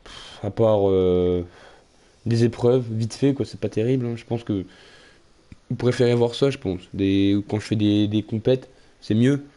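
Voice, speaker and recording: A gaming streamer with a slight Belgian French accent gives rambling, casual live commentary on his racing game, swearing often. His voice is fairly low, unhurried, and mellow, with game engine noise in the background.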